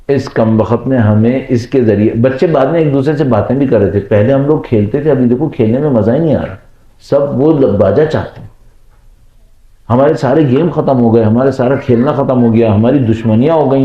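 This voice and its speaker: A man, a cleric giving a night sermon and telling parables, acting out the voices of the people in his stories. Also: medium pitch. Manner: tells parables with acted voices of children and managers. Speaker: Shia cleric. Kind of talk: sermon with storytelling. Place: religious gathering at night. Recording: dull echoey hall.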